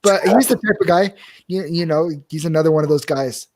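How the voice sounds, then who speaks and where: Slightly high and a bit mellow, this young man's voice carries a relaxed fight recap on the podcast he co-hosts. He jokes, drops quick asides, and doesn't hold back his opinions on how the fights turned out.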